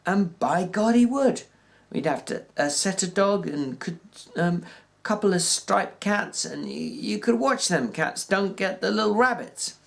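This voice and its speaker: In an audiobook reading, a narrator with a gravelly, animated, unhurried voice plays a drawling, dreamy ranch hand, a plainspoken working man dreaming aloud. The mood is wistful, with a raised pitch plus stumbles and fillers.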